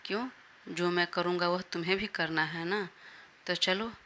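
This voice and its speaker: A woman voicing an irritable young male boss who scolds in a gruff way, in a Hindi audio story. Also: on the low side, steady tone, moderate pace, sharp tone, slight background noise.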